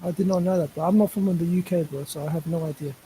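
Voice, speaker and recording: A man's voice: fairly high pitch, steady tone, fast, mellow, a little hiss or hum, low-quality recording. A man speaking as a guest on a casual online panel, stumbling over his starts and repeating words before making his point firmly. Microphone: voice call over a live stream.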